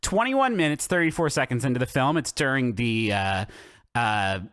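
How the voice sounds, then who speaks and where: Animated man on a casual movie podcast. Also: mid-range voice, moderate pace, clear, resonant tone, no room sound, clean studio sound. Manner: animated, laughs while retelling scenes. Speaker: podcast co-host. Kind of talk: casual comedic film discussion.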